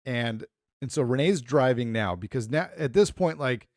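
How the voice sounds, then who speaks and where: At a moderate pace and mid-range pitch, a middle-aged podcast co-host relates meandering stories in casual talk. He animates the retellings by playing the people involved, and the recording is studio quality with no room sound.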